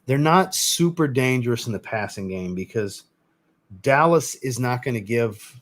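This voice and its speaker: A man's voice: medium pitch, animated, measured pace, fairly bright tone. A man hosting a live stream in a casual, rambling way, blunt and cursing now and then, often restarting and repeating himself. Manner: rambling and blunt, with mild swearing. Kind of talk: casual live chat commentary.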